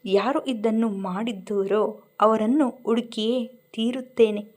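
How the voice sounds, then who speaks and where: A woman reading the lines of a calm, determined young male hero in a storybook tale, speaking quietly. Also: on the high side, a little slow. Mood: resolute.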